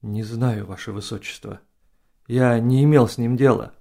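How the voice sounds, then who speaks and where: Cautious, knowing male companion, slow and quiet, played by a male narrator with a gravelly voice. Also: mid-range voice, steady tone. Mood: uncertain. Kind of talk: audiobook reading.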